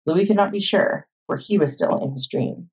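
A woman librarian reading a children's chapter book aloud in steady storytime narration. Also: lowish voice, normal speed, breathy edge. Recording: dull lo-fi recording.

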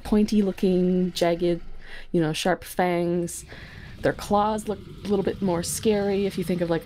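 On this podcast, a woman who works as an insect research technician explains things in a relaxed, nerdy, self-aware way. Her voice is lowish and a little mellow, with background music and slight background noise behind her.

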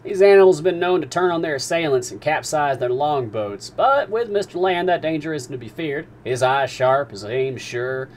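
A man's voice: a little high, animated, normal speed, hardly any pauses, slight background noise, voice pushed up, lightly acted. A man reading aloud as a stern, mysterious sea captain who speaks formally and with authority. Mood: explaining. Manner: formal, commanding.

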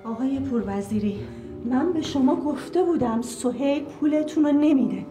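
An actress playing a brisk, bossy woman who runs a law office. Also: high voice, lively intonation. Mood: commanding. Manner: brisk, commanding. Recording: echoey room with music.

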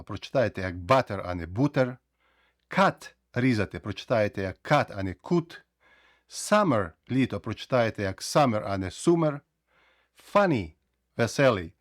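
A man teaching English pronunciation, slowly drawing out example words as he explains rules. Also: mid-range voice, dry recording, studio quality. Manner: slow, drawn-out demonstration of example words.

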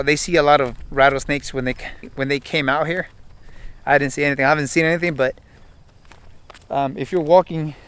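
A man in his twenties vlogs while exploring an open, brushy hillside, thinking aloud and addressing viewers directly through a handheld camera held at arm's length. His voice is slightly high, a bit bright and clean-toned, and the talk is casual narration.

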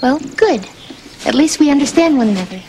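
A woman's voice: sits high, lively intonation, brisk, warm tone, a little hiss or hum. An actress playing a bossy young travelling woman in a TV musical comedy, ordering her companion about in a dry way. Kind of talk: live-action TV musical comedy acting.

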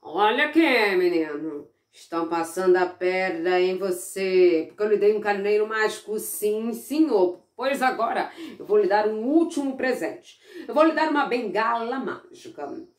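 A woman's voice: mid-range voice, animated, close to an everyday voice. A woman voicing the stern North Wind. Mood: scolding. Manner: brisk, scolding, commanding. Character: stern impatient North Wind spirit, giving gifts. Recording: roomy echo.

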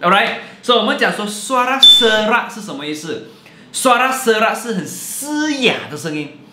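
A man, teaching a playful video lesson in an animated, jokey way and mixing in English and Malay words. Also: sits high, normal speed, very noisy. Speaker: language teacher. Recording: roomy echo.

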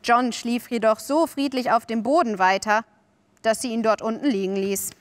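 A young adult actress calmly reading a children's story aloud. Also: female voice, on the high side. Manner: calm, unhurried storytelling.

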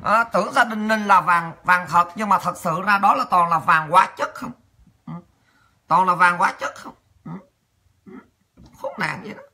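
A woman's voice: lowish voice, normal speed, pauses often, pushed and bright. A woman delivering an angry, profane, taunting rant as a political vlogger. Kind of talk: ranting monologue.

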